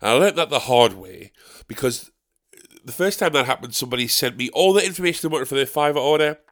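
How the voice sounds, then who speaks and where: Recovering from a cold, a man with a deep, nasal, gravelly voice hosts a casual solo podcast from a desk in his dark bedroom, using a badly set-up desk mic. He's animated, fast and fairly bright in tone, rambling along, swearing freely and laughing at his own slip-ups.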